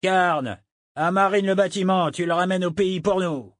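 A man's voice: high voice, normal speed, no room sound, studio quality, voice pushed up, natural voice. A man voicing a cheerful, sarcastic pirate captain who drawls his threats.

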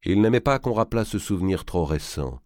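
A man with a low voice reads a historical novel aloud, and his intonation rises and falls dramatically. The recording is close and completely dry. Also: a little fast, dry recording. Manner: expressive, theatrical reading. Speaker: narrator. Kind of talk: dramatic audiobook reading.

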